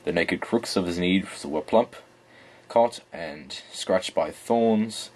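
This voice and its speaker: A man's voice: deep voice, takes it slowly, darkish tone. A man reading a novel aloud in a put-on English accent, stumbling over words and correcting himself as he goes. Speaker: amateur reader. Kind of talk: audiobook reading.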